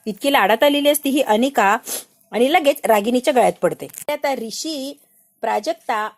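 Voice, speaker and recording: A woman narrating a recap of a TV serial in a lively storytelling manner. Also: fairly high pitch, moderate pace. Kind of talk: retelling a TV serial.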